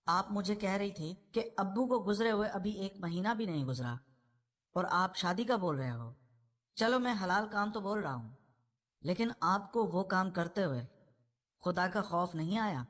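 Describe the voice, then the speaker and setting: A woman's voice: mid-range voice, expressive, natural voice. A woman voicing a young man in a novel reading, an earnest son who presses his point. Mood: indignant.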